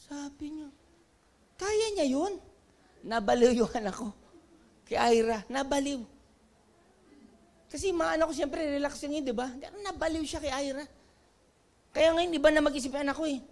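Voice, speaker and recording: A middle-aged Filipino man with a Filipino accent, a company president giving a motivational seminar talk, animated and acting out dialogue with laughs. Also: very high-pitched, moderate pace, pauses often. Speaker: network marketing company president.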